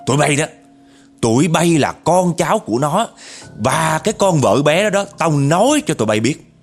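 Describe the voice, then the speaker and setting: A man voicing a vengeful, wronged female ghost, speaking in a deep raspy voice with bitter, accusing growls. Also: sing-song, moderate pace, soft background music, full character voice. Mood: furious. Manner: bitter, accusing, growling through clenched teeth.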